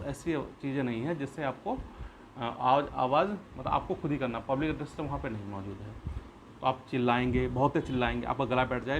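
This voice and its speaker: A school teacher with a medium-pitched voice gives an explanatory, classroom-style lesson, repeating and rephrasing points and posing questions he then answers himself. The audio is poor, with clear background noise.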